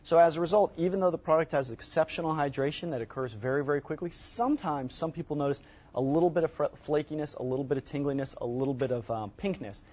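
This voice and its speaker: A man's voice: a little high, quick pace, darkish tone. A man in his thirties explaining a product emphatically as an expert guest on a home shopping show, repeating words for stress. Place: TV studio set, indoors. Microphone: lapel mic. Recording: slightly dull lo-fi broadcast audio.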